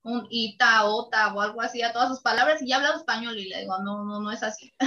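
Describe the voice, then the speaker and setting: Chatty woman host, bright tone, dull studio sound. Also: on the high side, brisk. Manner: chatty, laughs often. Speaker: radio show host. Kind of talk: casual radio talk show.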